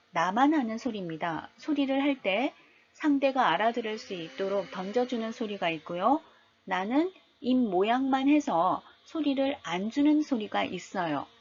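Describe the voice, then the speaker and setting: A woman's voice: mid-range voice, slight background noise. A woman English teacher giving a patient, explanatory lecture on pronunciation and modeling English words aloud. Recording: dull lo-fi recording.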